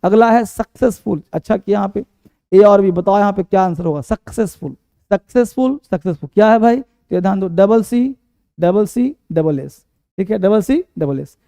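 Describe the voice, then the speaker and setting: A man's voice: high-pitched, lively intonation, moderate pace, mellow, no echo, clean studio sound. A man teaching English spelling for exams, chanting letters over and over and quizzing his students. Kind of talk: exam-prep spelling lesson.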